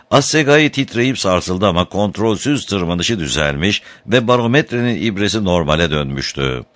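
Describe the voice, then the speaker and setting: Deep-voiced man reading an audiobook. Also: no room sound. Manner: dramatic, raises voice for shouted quotes. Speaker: narrator. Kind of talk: audiobook narration.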